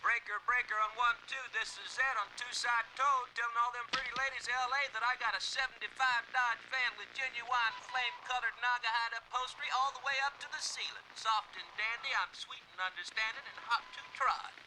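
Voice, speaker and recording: A man's voice: very high-pitched, fairly even intonation, brisk, few pauses. An actor playing a boastful, flirty male caller cutting in over CB radio, with the sound of a noisy radio transmission. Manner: boastful, flirty show-off patter. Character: brash flirty trucker-type male CB caller. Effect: heard over CB radio.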